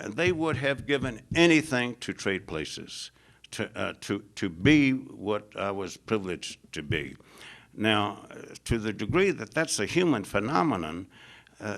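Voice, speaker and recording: A man's voice: vocal fry, a bit bright. An American man giving a public lecture on foreign policy, speaking emphatically and stacking up lists, with frequent "uh" fillers. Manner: emphatic, builds lists with rising pitch.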